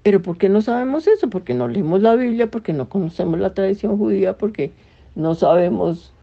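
A woman's voice: mid-range voice, animated, fairly quick, gravelly. A woman giving a conversational religious talk, explaining to her listeners and reading messages aloud. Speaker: religious teacher. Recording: dull lo-fi recording.

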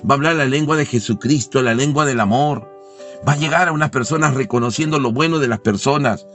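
A man's voice: medium pitch, fairly quick. Fervent male preacher, faint music. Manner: fervent, rising to loud exclamations. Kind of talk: sermon.

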